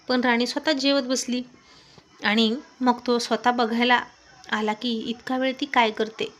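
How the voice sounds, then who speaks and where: A woman's voice: on the high side, lo-fi sound. Woman narrating a story. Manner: even, descriptive storytelling. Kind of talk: scripted narration.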